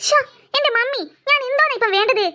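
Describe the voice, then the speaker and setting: A woman's voice: very high voice, fast, sharp tone. A woman voicing a sulky, sly young girl in a cartoon who pretends to be ill and whines at her mother. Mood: whiny. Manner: whiny, sulky.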